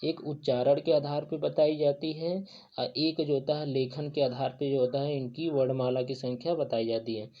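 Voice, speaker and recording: A man's voice: medium pitch, fairly even intonation, normal speed. A young man teaching an exam-prep lesson, talking through a whiteboard and stuffing almost every phrase with habitual fillers. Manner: filler-heavy, repeats "jo tha" and "jo hota hai". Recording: dull lo-fi sound.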